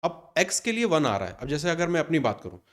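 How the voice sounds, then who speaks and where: His voice is on the high side, fairly bright and very animated, and he talks fast. This Indian man in his thirties teaches an exam-prep maths lesson in Hindi laced with English terms, going step by step and supplying answers to his own questions.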